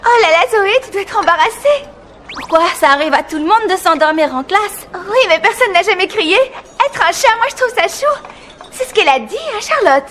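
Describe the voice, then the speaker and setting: A woman's voice: extremely high pitch, expressive, normal speed, a bit bright, a little hiss or hum. A woman voicing a nervous, lovestruck teenage schoolgirl in a cartoon dub, chatty and flustered, often talking to herself. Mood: fretful. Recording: cartoon soundtrack with music under.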